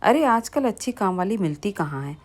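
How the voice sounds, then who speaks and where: A woman's voice: mid-range voice, sing-song, moderate pace. A woman voicing a bossy, selfish young wife who orders her mother-in-law about in a family storybook tale. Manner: bossy, curt. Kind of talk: storybook reading.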